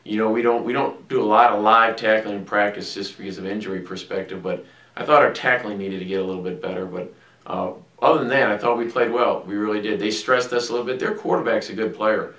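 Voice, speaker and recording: A middle-aged man with a lowish voice talks through his team's game in a plainspoken way, restarting sentences and filling gaps with "uh." He sounds a little distant from the mic, and a small room adds a noticeable echo around him. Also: fast, a bit bright. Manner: plainspoken, with frequent restarts and "uh" fillers. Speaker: head football coach. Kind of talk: postgame remarks to camera. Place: small indoor room before a team logo backdrop.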